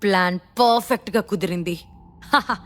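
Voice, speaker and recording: A woman's voice: moderate pace, fairly bright tone, lightly acted. A woman voicing an arrogant, cowardly foreign businessman villain who sneers and turns panicky in a storybook audio drama. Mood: sneering. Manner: sneering, then shrill and panicky when threatened.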